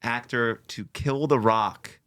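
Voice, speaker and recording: A man's voice: mid-range voice, takes it slowly, a bit bright, clear, resonant tone. A man co-hosting a podcast in casual chat, asking pointed, probing questions. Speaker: podcast co-host.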